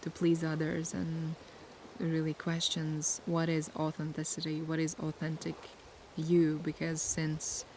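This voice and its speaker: A young woman from Latvia, Latvian by first language, hosts a casual ASMR Q&A outdoors, talking softly and without hurry as she searches for words. Her low, flat voice has a steady gravelly fry, steady sea noise sits behind her, and the recording quality is low.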